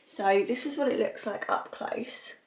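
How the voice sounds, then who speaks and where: A woman's voice: on the high side, a little slow, a little mellow. A young woman in casual vlog chat, rambling with lots of fillers, filmed at home on a handheld camera. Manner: chatty, rambling, many fillers. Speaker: lifestyle vlogger. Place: indoors at home.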